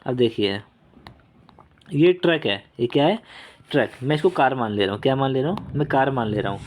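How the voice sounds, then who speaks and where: A man runs a relaxed exam-vocabulary lesson mixing Hindi and English with mnemonics, speaking animatedly and a little fast in a mid-range voice. Drawing on screen, he pokes fun at his own sketches, repeats key words and keeps asking "okay?".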